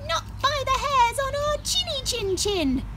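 A woman voicing the little pigs of a storybook in a high, squealing voice. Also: very animated, a little slow, heavy background noise, full character voice. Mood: defiant. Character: three small frightened pigs, squeaky.

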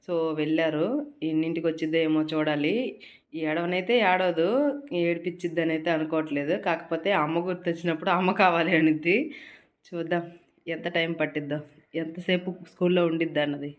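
A woman's voice: deep voice, flat delivery, a little fast. A young woman, chatting casually through her day at home in a vlog. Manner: chatty, talks to her toddler in a raised coaxing voice. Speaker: vlogger, mother.

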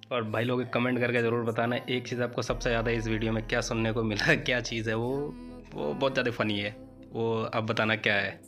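A man hosting a gaming video, chatting casually to his viewers as he introduces it. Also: medium pitch. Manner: chatty, addresses viewers as brothers. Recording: music playing underneath.

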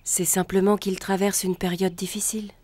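A woman's voice: medium pitch, unhurried, darkish tone, close to an everyday voice. An actress playing a tender, earnest young woman in a dubbed telenovela. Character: warm young woman, loving granddaughter.

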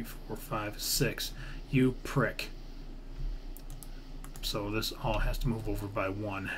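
A gaming video creator narrates his own build series, his average-pitched male voice rambling casually as he thinks aloud and half-mutters counts, with some mild swearing. He's recorded indoors at a computer, where background noise and typing come through clearly.

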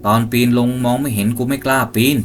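A man's voice: mid-range voice, fairly even intonation, fast talker, soft background music, voice pushed up, lightly acted. A man voicing a nervous young hunter in a ghost story, speaking in a tense, wary and pleading way.

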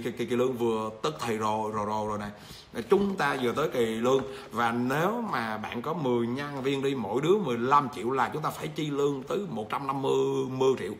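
A male business trainer, teaching a livestream lesson and answering viewer comments in a lively, repetitive way. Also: medium pitch, a little fast. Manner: animated, repeats phrases, rises sharply when rebutting.

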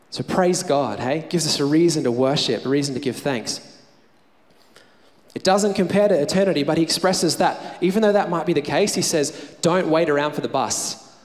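Energetic Australian pastor in echoing hall. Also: male voice, a little high. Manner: energetic, emphatic, repeats phrases for effect. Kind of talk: sermon. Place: church hall. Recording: church hall reverb.

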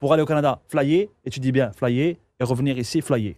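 A man's voice: medium pitch, a little mellow, dry recording. A man with a Moroccan accent hosting a morning radio show, joking and slipping into Arabic. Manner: fast, joking, switching into Arabic. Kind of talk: playful morning radio talk.

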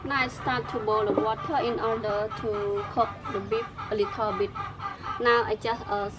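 A woman whose first language is Khmer, host of a cooking show, slowly narrating each cooking step outdoors in simple phrases with pauses and fillers. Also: a little high, expressive. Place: outdoors in a rural yard. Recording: loud outdoor noise.

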